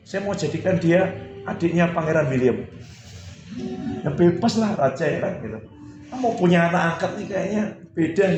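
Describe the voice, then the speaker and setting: Guy preaching casual-style in an echoey hall, keeps saying gitu ya, music going in the background. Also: mid-range voice. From Indonesia. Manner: conversational, repeats "gitu ya" a lot. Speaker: pastor. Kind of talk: sermon. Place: church hall. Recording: roomy hall with music behind.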